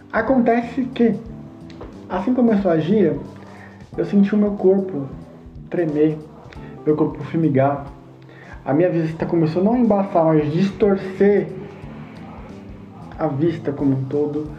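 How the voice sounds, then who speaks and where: A man's voice: sits high, measured pace, pauses often. Earnest man telling a personal story. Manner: earnest, acts out quoted dialogue. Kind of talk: personal testimony. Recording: roomy, dull lo-fi sound with faint guitar.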